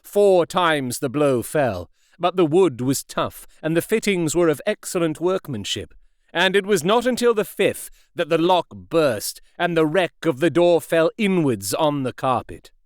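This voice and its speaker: A man narrating a classic novel as an audiobook in a measured, expressive way. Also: on the high side, no room sound, studio quality. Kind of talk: scripted narration.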